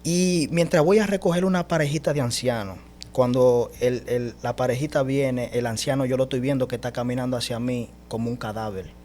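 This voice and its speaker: A man giving an animated personal testimony as a guest, speaking emphatically and often calling the host brother. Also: mid-range voice, a little fast, slight background noise. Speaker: guest telling his testimony.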